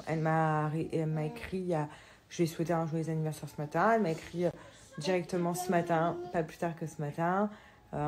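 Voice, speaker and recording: A woman, a mother and vlogger, talking candidly to camera in a casual chat and thinking aloud with frequent pauses. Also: low voice, a little mellow.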